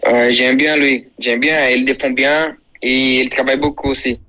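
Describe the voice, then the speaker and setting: A man's voice: medium pitch, flat delivery, normal speed, pushed and bright, rough recording. A man who is a guest player on a sports show, answering in short, simple sentences with non-native phrasing. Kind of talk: casual interview answers.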